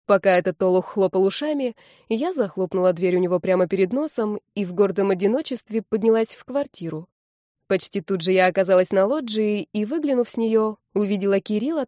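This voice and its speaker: Woman narrating a lively story. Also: mid-range voice, no room sound, studio quality. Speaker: audiobook narrator. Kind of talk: first-person audiobook narration.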